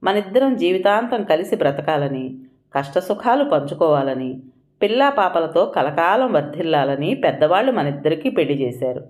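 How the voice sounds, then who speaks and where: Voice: mid-range voice, very animated, normal speed, a little mellow, lightly acted. Narrator doing a coaxing young groom. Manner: coaxing, soothing. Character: young groom, eager then bewildered.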